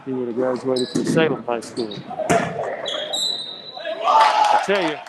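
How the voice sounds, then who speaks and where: A man's voice: mid-range voice, slow. An American man doing conversational local basketball commentary, his voice slightly muffled through a face mask, with folksy, coach-like asides. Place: indoor school basketball gym. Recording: noisy gym, bouncing balls behind. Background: gym noise, ball bounces.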